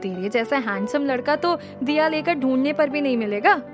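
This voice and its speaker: A woman's voice: high voice, animated, moderate pace. A woman voicing a doting but stubborn middle-aged mother who talks in an insistent, scolding way. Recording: music playing under the voice.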